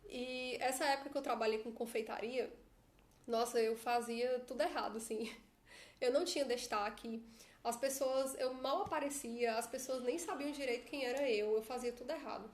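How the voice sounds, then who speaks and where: Speaking with a Brazilian Portuguese accent, a chatty woman coaches followers during a casual live stream from her phone, frequently adding tag questions. Her voice is on the high side at a moderate pace, in an echoey room.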